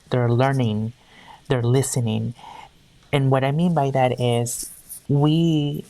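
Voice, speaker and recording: With an extremely low, dark voice and no room sound, this woman from Peru talks as an interview guest. An HR executive, she is earnest in tone and frequently backs up to rephrase, hunting for the right words.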